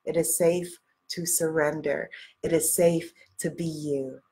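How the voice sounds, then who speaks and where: This spiritual coach has a low, mellow voice with a breathy edge, fairly even intonation, and a slightly slow pace. Hosting a live video stream while sniffling from a cold, she encouragingly reads out viewer comments and leads affirmations, repeating them.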